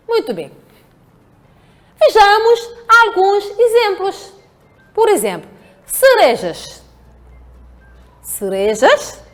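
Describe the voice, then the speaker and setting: A woman teacher with a European Portuguese accent, giving a slow, patient lesson to children and often checking that they follow. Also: high voice, fairly bright tone. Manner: slow, patient, checks understanding with rhetorical questions. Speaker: primary school teacher. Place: home.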